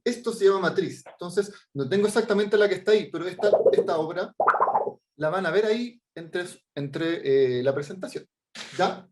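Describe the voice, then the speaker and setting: His voice is high-pitched and a little mellow; he is a middle-aged Chilean artist and teacher. Over a video call he presents his work informally in a workshop talk, hesitant and heavy on fillers and restarts, with constant "¿ya?" check-ins.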